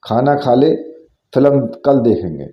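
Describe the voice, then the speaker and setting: A man's voice: mid-range voice, very animated, unhurried. A teasing young man who laughs off every scare, voiced by a male storyteller. He talks to his friend in an easy, mocking way. The recording is roomy and dull, like lo-fi. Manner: mocking, brushes off fears.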